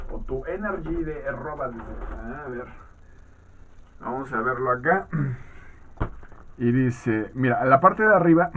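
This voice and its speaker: A man teaching English vowel sounds in a halting classroom manner, often clearing his throat and checking in with his students. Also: mid-range voice. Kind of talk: classroom-style lesson explaining vowel sounds. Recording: tinny phone-like sound from far off the mic.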